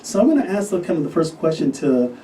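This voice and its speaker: A man, a physician, hosting a casual podcast interview and talking with enthusiasm, often pausing on fillers. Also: fairly high pitch, very animated, dark tone. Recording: distant mic with faint noise.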